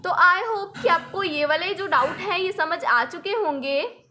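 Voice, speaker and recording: A young woman teaches an English grammar lesson in Hindi, using English examples, patiently repeating her points and posing rhetorical questions to the viewer. Her voice is extremely high and unhurried, with background noise in the recording.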